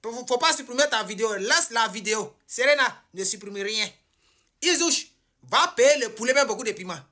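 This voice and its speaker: A woman's voice: on the high side, expressive, normal speed, pushed and bright. A woman fan of a rival club taunting and scolding opposing supporters.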